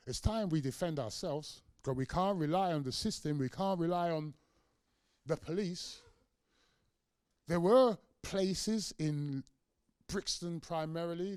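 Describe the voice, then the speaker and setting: Animated middle-aged man lecturing. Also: dry recording, clean studio sound. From England. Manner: animated, acts out quoted voices in a raised pitch; conversational, with casual fillers. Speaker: guest lecturer. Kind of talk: storytelling lecture.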